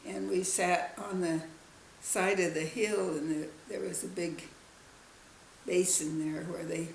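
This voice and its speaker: Gravelly elderly woman recalling slowly. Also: on the low side, steady tone, darkish tone, reverberant, a little hiss or hum, poor audio. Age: 90s. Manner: slow, halting recollection. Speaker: interviewee, grandmother. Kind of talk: casual family interview.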